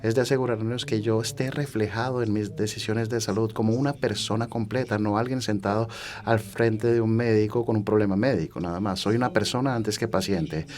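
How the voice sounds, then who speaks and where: Low-voiced man interpreting. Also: fairly even intonation, darkish tone. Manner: measured, halting phrases with self-corrections. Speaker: simultaneous interpreter. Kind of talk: interpreting a conference talk.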